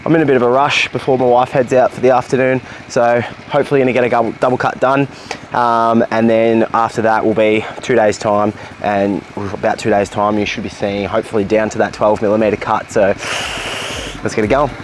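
A man in his thirties with an Australian accent, chatting casually to camera outdoors in a backyard, relaxed and full of fillers and self-corrections. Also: on the low side, brisk, a little hiss or hum. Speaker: lawn care vlogger. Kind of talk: casual vlog talk to camera. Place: outdoors in a large backyard lawn. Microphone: handheld camera held at arm's length, partly a distant camera.

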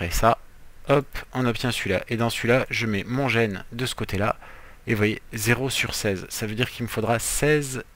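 A man with a somewhat low voice talks through a video game in a casual, chatty way. He explains each step to his viewers and keeps dropping playful, jokey asides along the way. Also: a bit bright. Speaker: Minecraft let's player. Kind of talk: casual gameplay commentary.

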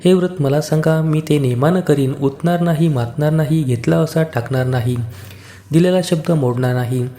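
A man's voice: on the high side, moderate pace, dark tone, natural voice. A man reading a worried palace maid. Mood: humble. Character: timid palace maidservant, anxious and humble. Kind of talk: devotional story reading.

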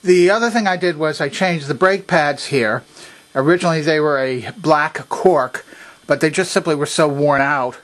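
In a slightly high, a bit bright voice at a normal pace, an older man narrates a repair demonstration for his vintage electronics repair video. He works at an indoor workbench, explaining each step casually, methodically, and without a script.

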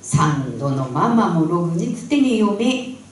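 A woman's voice: lowish voice, sing-song, slow. An older woman telling a folktale on stage in a thick Tsugaru dialect. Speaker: folktale storyteller. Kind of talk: oral folktale storytelling. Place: stage in a hall, indoors. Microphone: handheld microphone, recorded from a distant camera. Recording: echoey hall, distant, faint noise.

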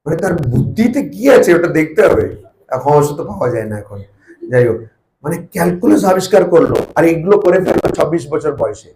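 A man's voice: a little high, sing-song, fast talker, gravelly, warm tone, roomy sound, poor audio. A monk giving an informal, humorous spiritual talk to a small group, often asking his listeners questions. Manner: humorous, joking asides. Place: study circle meeting room.

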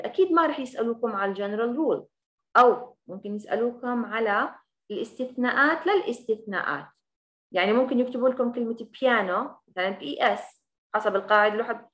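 A woman with a Levantine Arabic accent teaching an English grammar lesson. She explains in Arabic and slows down on the English example words. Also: on the high side, a bit bright.

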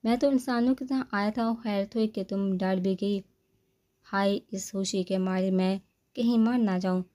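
A woman's voice: mid-range voice, fairly even intonation, warm tone, lightly acted. Woman reading as a teasing, dramatic young man. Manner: playful, theatrical teasing.

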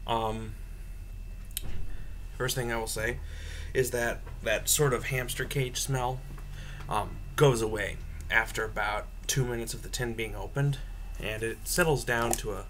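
Young man, mid-pitched, casual reviewer thinking aloud in halting phrases, slight noise on a home webcam recording. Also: fairly even intonation, a bit bright. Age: young adult. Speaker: pipe tobacco reviewer. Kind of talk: casual unscripted review to camera. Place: small room at home, indoors.

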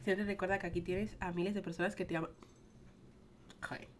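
A woman's voice: on the low side, level tone, a little fast, a little hiss or hum. A young woman telling a casual storytime monologue in a chatty, rambling way full of fillers. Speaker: vlogger.

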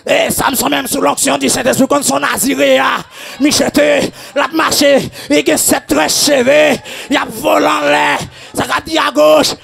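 A Haitian man preaching a sermon as pastor, shouting and half-singing his lines. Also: extremely high pitch, level tone, unhurried, vocal fry, few pauses, soft background music.

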